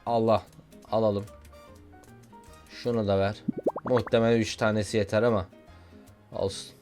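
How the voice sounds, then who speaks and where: A young man giving casual, excitable commentary while playing a video game, joking and shouting at what happens on screen. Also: fairly low pitch, moderate pace, faint music behind. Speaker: gaming YouTuber.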